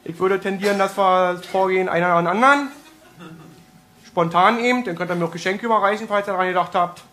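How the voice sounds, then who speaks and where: A man's voice: high-pitched, fast, bright, forceful tone. A man doing stand-up comedy, brash and mock-grumpy as he banters with the audience. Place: theater stage before audience. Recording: live stage with audience laughter and noise.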